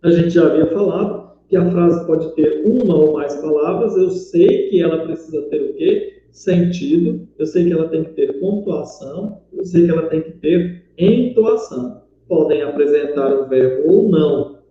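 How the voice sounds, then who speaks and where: A man's voice: on the high side, normal speed, hardly any pauses, dark tone. A man teaching a grammar lesson, explaining step by step and checking in often with his students. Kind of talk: recorded online grammar lesson. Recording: very echoey, dull lo-fi room recording.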